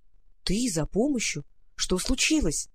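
A woman's voice: mid-range voice, very animated, measured pace, slight background noise. A woman reading an audiobook, voicing a fiery, bossy female magic toy who exclaims and grumbles. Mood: grumbling.

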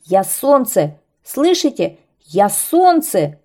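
A woman's voice: fairly low pitch, lively intonation, unhurried, warm tone. Woman doing a boastful grumpy paper kite. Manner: boastful, grumbling.

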